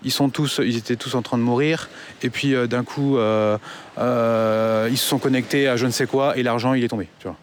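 A man delivers a casual rant, blunt and crude, tripping over fillers as he goes. His voice sits at an ordinary middle pitch. A faint hiss of background noise runs under the recording. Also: fairly even intonation, normal speed. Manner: blunt, swears a lot, many fillers. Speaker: online business commentator.

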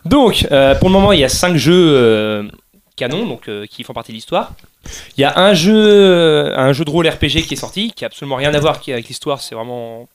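A man's voice: a little high, animated, fairly quick. A man hosting a casual chat, explaining things at length with frequent restarts and laughs. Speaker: podcast host presenting a game series.

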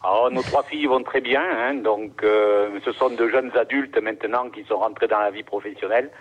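A middle-aged man, a winemaker guest on a radio show, speaking calmly with many pauses and fillers. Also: on the low side, lo-fi sound. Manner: calm, measured, many fillers. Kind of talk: radio interview.

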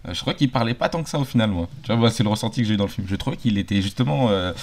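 A man with a very low, deep voice talks casually about a film he has just seen. He hesitates often and restarts his sentences, and his speech is relaxed and conversational. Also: rapid-fire. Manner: hesitant, many fillers and restarts.

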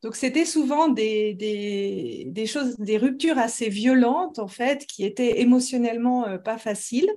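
Guest woman from Lyon, neutral French accent, slightly high voice, hesitant. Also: unhurried, hardly any pauses, warm tone. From France, Lyon. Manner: hesitant, many fillers, reflective. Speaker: guest, love coach. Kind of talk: casual interview chat.

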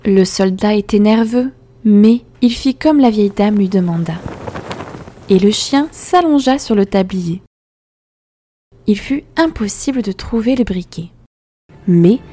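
A woman reads a fairy tale in a calm, expressive storybook manner. Her voice is warm and mellow at a mid pitch. Soft music plays faintly behind her. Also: measured pace. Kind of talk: scripted storybook narration.

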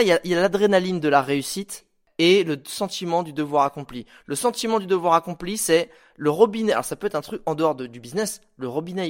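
A man hosting a podcast, giving casual motivational advice in an informal, animated way, with slang and the odd swear word. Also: on the high side. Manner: acts out stories with sound effects. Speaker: podcast host.

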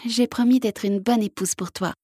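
A tiny, gentle frog princess from a storybook speaks in a soft little voice, as a woman reader puts her on. She sits far above the reader's own low register, sweet and small. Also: fairly even intonation, moderate pace, husky, dry recording, studio quality. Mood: tender.

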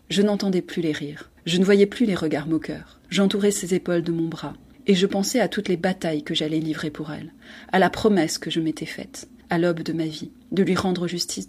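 Husky-voiced woman reading a novel aloud. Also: lowish voice. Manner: measured, expressive literary reading. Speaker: host and reader. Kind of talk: audiobook narration.

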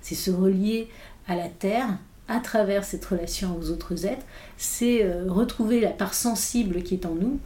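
Speaking at a measured pace in a mellow, mid-pitched voice, a philosopher whose first language is English reflects thoughtfully as an interview guest. She often hesitates and starts over, and the room adds noticeable echo.

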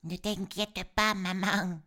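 A man voicing a bunch of cheeky young goat kids in a comic storybook reading, loud and mocking. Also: sits high, steady tone, slow, voice pushed up, exaggerated voice. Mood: reassuring. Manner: cheeky, shouting, slangy.

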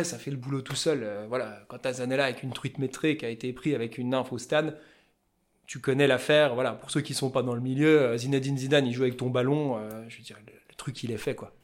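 A man with a Vosges accent, a fly-tying business owner talking loudly and passionately as an interview guest. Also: medium pitch, fairly even intonation, a little fast. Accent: Vosges French. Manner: loud, passionate, talkative. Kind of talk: casual interview chat.

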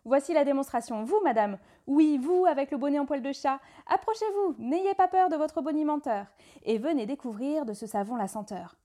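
Brief: woman doing a loud market soap seller, high and mellow-toned, rhyming sales patter. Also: lively intonation, moderate pace. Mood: pushy. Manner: sing-song rhyming sales patter, jumpy pitch. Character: brash fast-talking female soap hawker.

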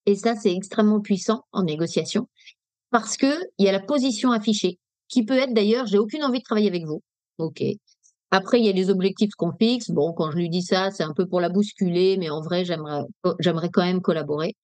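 French woman from Nice, negotiation coach, lively and direct, dry close sound. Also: medium pitch, a little fast, no room sound. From Nice, France. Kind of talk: webinar talk. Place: webinar, dry room.

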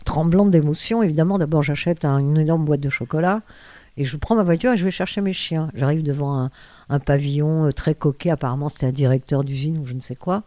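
A woman's voice: low-pitched, brisk, warm tone, no echo. An older woman, a former radio host, telling rambling stories with many hesitations and restarts in an interview. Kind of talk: anecdotal storytelling.

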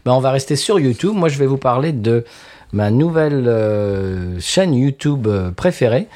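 A man's voice: mid-range voice, expressive, moderate pace, a little mellow. A man co-hosting a casual chat, talking animatedly and often stammering and restarting his words. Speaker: podcast co-host.

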